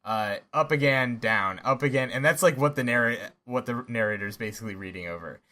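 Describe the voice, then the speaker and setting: A man co-hosting a podcast in casual chat, talking haltingly with many restarts and laughs. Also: mid-range voice, bright, forceful tone. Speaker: podcast co-host.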